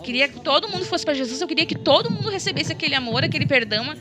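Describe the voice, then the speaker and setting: Fervent high-voiced woman. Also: lively intonation, racing. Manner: fervent, tearful in tone, keeps tagging "né?". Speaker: guest giving a church testimony. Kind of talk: emotional religious testimony. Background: background music.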